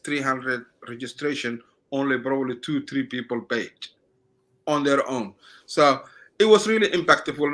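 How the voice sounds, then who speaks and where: A middle-aged man from Somalia with a Somali accent, chatting as an interview guest in halting, restarting sentences. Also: medium pitch, pushed and bright. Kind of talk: casual interview talk.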